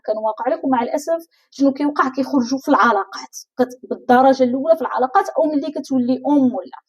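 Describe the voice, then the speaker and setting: A woman with a Moroccan Arabic accent gives a motivational coaching talk at a very fast clip. Her voice sits high and swings widely in pitch. She speaks straight to the listener and keeps asking rhetorical questions. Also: breathy edge. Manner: addresses the listener directly, many rhetorical questions. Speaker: life coach.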